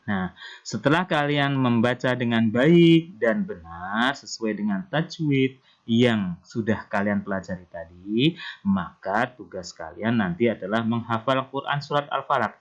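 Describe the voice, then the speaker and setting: A male primary school teacher with an Indonesian accent, patiently explaining Quran recitation rules to children and chanting verses slowly. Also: mid-range voice, lively intonation, highs cut off. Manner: slow, patient explaining, often starting with "nah".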